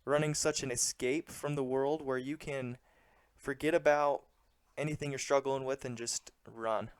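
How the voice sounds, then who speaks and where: A man with a smooth, clean voice narrates his vlog in a plain and measured way. The sound is dry and close, with little room to it. He reports earnestly, like someone giving a personal recap of his training. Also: medium pitch, fairly even intonation, dry recording. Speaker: running vlogger.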